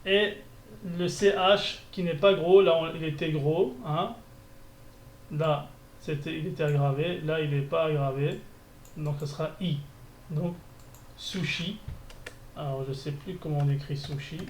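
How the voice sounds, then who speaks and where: A man talks through a beginner lesson, correcting exercises and often restarting his sentences. His voice sits a little high. The room is echoey, with a faint hum of ambience behind him. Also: steady tone, unhurried, pauses often. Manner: thinking aloud, many restarts and fillers. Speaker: Arabic teacher. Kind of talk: screencast lesson.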